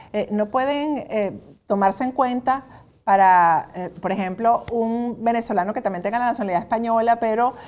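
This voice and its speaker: A woman hosting an interview, posing questions in a hesitant, halting way with fillers. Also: medium pitch, darkish tone. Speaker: interviewer, host.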